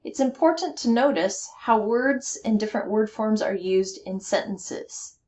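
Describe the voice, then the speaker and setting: A woman teacher walks students through word forms. She speaks slowly and deliberately, leaning on stressed syllables. Her voice sits at an ordinary middle pitch. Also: a little mellow. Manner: slow, carefully enunciated, stresses word syllables. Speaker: English teacher. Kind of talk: recorded vocabulary lesson.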